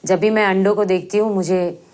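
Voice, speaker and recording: A woman's voice: medium pitch, steady tone, fairly quick, a little mellow. A woman, a reality show contestant, talking in a plain conversational way.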